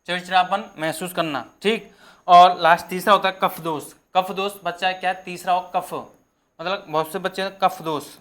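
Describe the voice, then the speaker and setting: A young man teaching an exam-prep lesson, repeating each term slowly so students can write it down. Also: high-pitched, fairly even intonation, fairly bright tone. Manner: repetitive, dictating terms slowly for notes.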